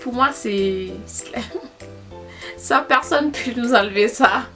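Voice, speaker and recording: A woman's voice: a little high, takes it slowly, a bit bright, soft background music. A young woman from Haiti talking casually to camera as a vlogger, proud and emphatic, with many fillers and restarts.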